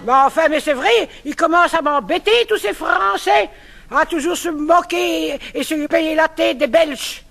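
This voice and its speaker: A man's voice: very high-pitched, a little slow, vocal fry, sharp tone. A man with a Brussels accent performing a comic sketch, proudly declaiming verse about his accent.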